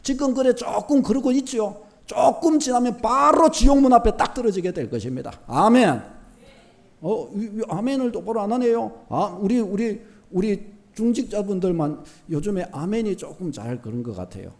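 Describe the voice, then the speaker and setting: Male pastor, high lively voice, dramatic sermon delivery swinging from quiet to loud. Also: moderate pace. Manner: animated, shifts from soft to loud, acts out short dialogues. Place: church sanctuary.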